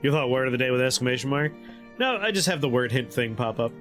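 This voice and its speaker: A man streaming a video game, chatting casually and excitably with his audience, laughing often and reading the game's text aloud. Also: medium pitch, fast talker, faint music behind.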